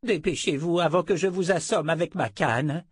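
A man voicing a prickly, sharp-tongued old man who has lost his memory, testy and sarcastic. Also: a little high, normal speed, husky, no room sound, studio quality, pitched above the performer's own voice. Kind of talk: audiobook character voice.

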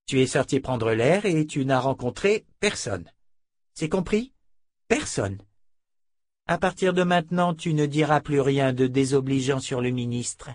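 A man's voice: medium pitch, measured pace, darkish tone, dry recording, studio quality, pitched above the performer's own voice, close to an everyday voice. A man voicing a brutal, contemptuous male henchman who barks orders with scorn, in an audiobook. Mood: menacing. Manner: menacing, scornful, commanding. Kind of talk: audiobook character voice.

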